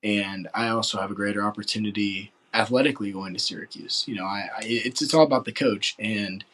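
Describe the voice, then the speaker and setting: A man's voice: on the low side, fairly even intonation, brisk, fairly bright tone, low-quality recording. A man in his late teens from West Virginia, answering interview questions in an earnest, rambling way full of filler words. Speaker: football recruit interviewee.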